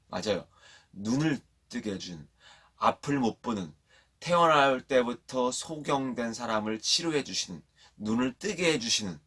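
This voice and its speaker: Husky-voiced man preaching to children. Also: lowish voice. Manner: lively storytelling, asks the children questions. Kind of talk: sermon to children. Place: church, recorded for an online service.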